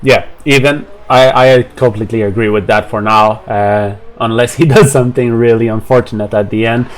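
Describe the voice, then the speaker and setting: A man's voice: medium pitch, steady tone, moderate pace. A man commentating live on a sim race as a motorsport commentator, building up as the action unfolds and hesitating between phrases.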